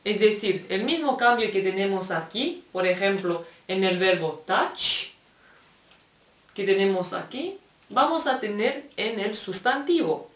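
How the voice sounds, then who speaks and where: Spanish lady teaching english real slow, sounds far off in an echoey room. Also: mid-range voice, animated. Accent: Spain Spanish. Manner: patient, spells out letters and repeats examples. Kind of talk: explaining grammar to Spanish-speaking learners. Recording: echoey room, voice set back from the mic.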